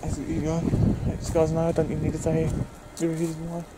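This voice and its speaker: A man's voice: on the high side, monotone, fairly quick. A young British man talking casually to viewers in a nervous, jumpy way as he walks outside with a handheld camera. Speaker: vlogger. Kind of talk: casual night exploring vlog, talking to viewers. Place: outdoors walking in woods at night. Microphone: handheld camera microphone. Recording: noisy outdoor handheld camera recording.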